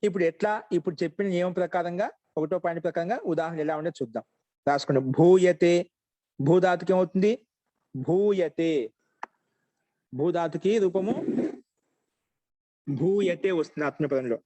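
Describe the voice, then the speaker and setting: Man, online grammar teacher, slightly high voice, dry close sound, dictates slowly with repeats. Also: mellow, no echo, rough recording. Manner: repeats each rule slowly for note-taking. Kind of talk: dictation-paced online lesson.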